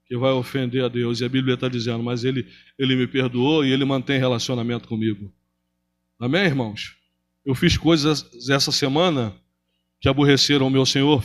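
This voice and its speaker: A pastor with a Brazilian Portuguese accent preaches to his congregation in church, his voice at medium pitch. He asks rhetorical questions and swings between loud emphasis and hushed, drawn-out phrases.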